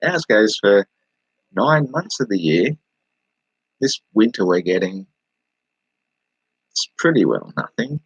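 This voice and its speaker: A man's voice: lowish voice, very animated, takes it slowly, pauses often, husky, no room sound, low-quality recording. An Australian man rambling casually on a livestream, answering viewers and laughing as he talks. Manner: rambling, laughing, talking back to chat.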